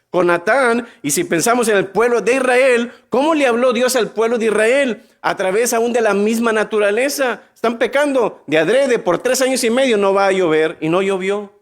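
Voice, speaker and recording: A man preaching a sermon, his voice pitched high for a man. He keeps asking the congregation questions. Now and then he slips into short acted lines of biblical dialogue. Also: moderate pace, hardly any pauses.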